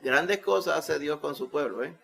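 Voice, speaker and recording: A male pastor with a Puerto Rican accent preaching a Sunday sermon, rising to loud emphasis when quoting scripture. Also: fairly high pitch, normal speed, vocal fry. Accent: Puerto Rican Spanish.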